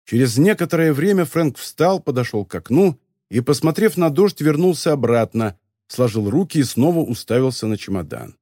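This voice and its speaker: A man narrating a novel as an audiobook, in lively, expressive storytelling. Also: mid-range voice, normal speed, no echo, studio quality. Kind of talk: scripted narration.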